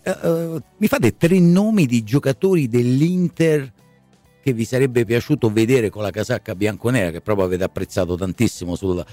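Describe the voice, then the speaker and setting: A man's voice: medium pitch, normal speed, dark tone, no room sound, soft background music. A middle-aged man hosting a live radio show in a chatty, conversational way, often checking in with tag questions.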